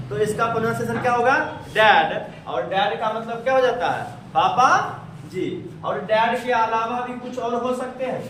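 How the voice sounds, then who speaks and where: The teacher's voice is very high-pitched and fairly bright, recorded from a distance with a little hiss or hum. He is a man with a Bihari Hindi accent leading an English lesson, repeatedly quizzing the class in an echoey room from across the way.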